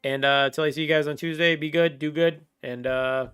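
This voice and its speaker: A man's voice: fairly high pitch, fairly even intonation, fairly quick, a bit bright, clear, resonant tone. A man streaming a game and chatting casually with his viewers, rambling and laughing often. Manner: rambling, laughs often, talks straight to chat. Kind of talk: casual livestream chat.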